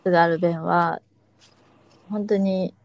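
A woman from Aomori, a guest writer chatting modestly and laughing softly. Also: fairly low pitch, steady tone, drawn-out words, vocal fry, dry recording. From Aomori, Japan. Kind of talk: casual chat.

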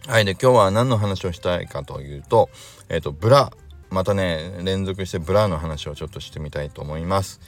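A man hosting his own podcast, chatting casually and rambling with lots of fillers and self-amused asides. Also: deep voice. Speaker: podcast host. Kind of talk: casual solo chat.

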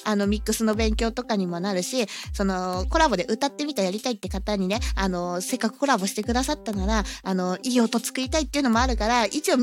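A woman's voice: mid-range voice, fast, few pauses, faint music behind. A woman hosting a casual solo audio talk, chatty and laughing often as she tells a story. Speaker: podcast host and hobby musician.

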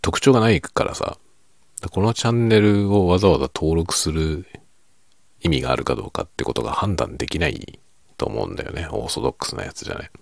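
A man chatting casually and quietly, as if late at night, in a soft, low-volume voice that sometimes drops toward a whisper. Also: animated, fairly quick, no room sound, clean studio sound. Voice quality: low, gravelly, husky. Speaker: video creator and host.

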